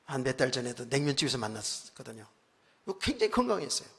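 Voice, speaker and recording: A male pastor preaching a conversational sermon, telling stories with frequent asides, moving from quiet remarks to loud emphatic bursts. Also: medium pitch, sing-song, fast talker, gravelly, husky. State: recently worn out and hoarse. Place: church sanctuary. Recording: long church hall reverb.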